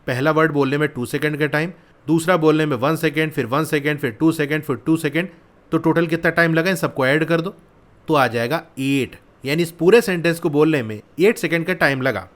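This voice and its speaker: A man teaching a maths lesson, explaining patiently step by step and asking questions, reading lines. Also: on the high side. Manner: patient, repeats steps and asks questions.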